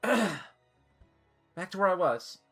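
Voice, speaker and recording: A woman's voice: fairly low pitch, very animated, slow, creaky, fairly bright tone, breathy edge, faint music behind. Hiccuping, chatty woman streamer, swearing. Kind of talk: casual live-stream chat ranking costumes.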